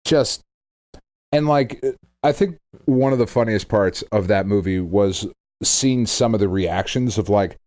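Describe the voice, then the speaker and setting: A man co-hosts a podcast, chatting casually about films in an emphatic, exclamatory way with loose, sweary language. His voice is lowish, unhurried, and darkish in tone, with no room sound.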